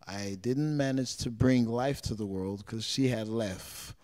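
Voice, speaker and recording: A man's voice: medium pitch, a little slow, a little mellow. A man in his thirties from Israel, a street singer answering interview questions in an earnest way, often searching for words and repeating himself, recorded indoors on a handheld mic. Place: indoors, small living room on a sofa.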